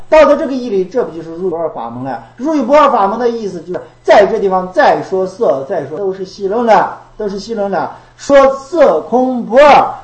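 A woman's voice: medium pitch, darkish tone, roomy sound, low-quality recording. A woman giving a Buddhist dharma talk. She repeats her phrases and asks rhetorical questions. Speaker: Buddhist teacher.

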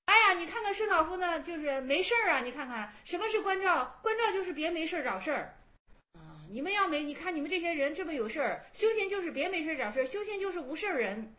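A woman's voice: extremely high pitch, sing-song, fast talker, sharp tone. A woman giving a colloquial lecture on Chan Buddhist texts, chatty and full of rhetorical questions, acting out the quotes she cites.

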